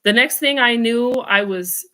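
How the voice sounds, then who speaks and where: A woman in her thirties shares her own life story as a guest on an interview show. Her voice is bright and ringing, and she speaks candidly and reflectively, now and then dropping a wry aside. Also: on the high side, unhurried. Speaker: guest author. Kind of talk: personal storytelling.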